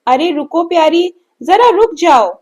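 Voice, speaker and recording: A woman's voice: very high voice, sing-song, unhurried, a little mellow, heavily acted. A woman voicing a poor, kind-hearted village man who talks in an earnest, pleading way.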